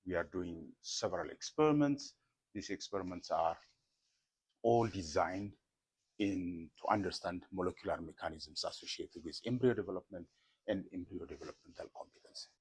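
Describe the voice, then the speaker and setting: Low husky guy from ethiopia, middle-aged prof, slow careful explaining with lots of ums. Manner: careful, repeats words and pauses with fillers. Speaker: associate professor, embryo researcher. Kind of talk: explaining his research in an interview.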